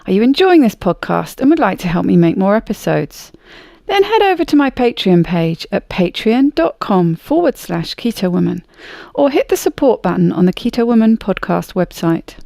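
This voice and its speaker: In a dry, studio-quality recording, a female podcast host with a medium-pitched, creaky, dark-toned voice opens with a scripted intro. She then moves into casual, friendly, upbeat conversation with her guest, very animated at a moderate pace.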